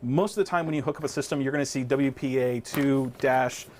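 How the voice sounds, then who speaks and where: A man's voice: mid-range voice, fairly quick, darkish tone, slight background noise. A man co-hosting a tech webinar, casually explaining Wi-Fi step by step with frequent restarts. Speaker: webinar co-host.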